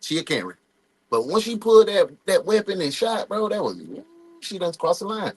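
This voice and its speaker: Lively high-voiced man reacting. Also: normal speed, slightly rough. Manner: animated, slangy, laughing asides. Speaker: host. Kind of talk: casual reaction commentary.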